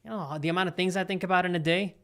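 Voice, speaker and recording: A young man hosting a live football watch-along, calling the play with excitable reactions and chatting to his viewers. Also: sits high, very fast. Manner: excitable, talks to live chat between play calls. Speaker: live football stream host. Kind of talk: live match reaction commentary.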